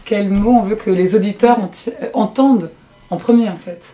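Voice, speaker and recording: A woman's voice: medium pitch, moderate pace, mellow, soft background music. A woman interviewing a guest, listening attentively and adding short agreements and comments. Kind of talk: interview conversation.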